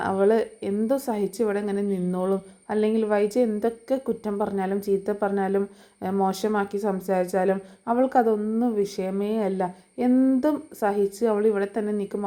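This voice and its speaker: A woman's voice: medium pitch, fairly even intonation, moderate pace, warm tone. A woman casually retelling a TV serial episode in a chatty, conversational way, with frequent fillers. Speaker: TV serial recap narrator.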